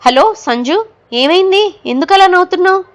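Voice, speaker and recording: A woman's voice: very high voice, expressive, normal speed, voice pushed up. A woman voicing a frightened husband who asks urgent, anxious questions into a phone in an audio story. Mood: panicked. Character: frightened husband driving at night.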